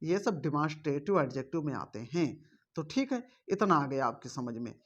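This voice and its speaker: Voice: medium pitch, sing-song, moderate pace, lo-fi sound. A teacher giving an online grammar class, mixing in English grammar terms and checking in often with rhetorical questions. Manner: quizzes with rhetorical questions, frequent "theek hai" check-ins.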